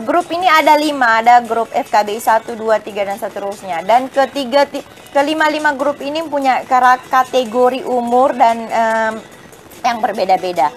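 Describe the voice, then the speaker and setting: A woman hosting a casual live-stream chat, greeting viewers by name between frequent hesitant fillers. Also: a little high. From Bajau community of Indonesia.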